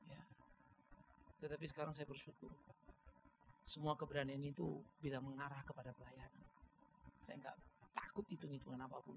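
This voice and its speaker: A middle-aged man from North Sumatra, preaching in a church and telling personal stories with emphatic, animated delivery that swings between loud outbursts and quiet reflection. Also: medium pitch, gravelly, background noise. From North Sumatra, Indonesia. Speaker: pastor. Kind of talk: sermon with personal storytelling.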